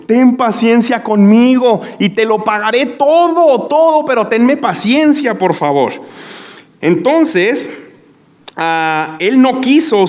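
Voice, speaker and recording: A man preaching a sermon as pastor, earnest and emphatic, often checking in with his listeners. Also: high voice. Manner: emphatic, repeats key phrases.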